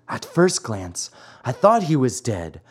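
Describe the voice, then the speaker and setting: A reader doing a low, reverent falcon servant. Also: big pitch swings, slow pace, slightly rough, exaggerated voice.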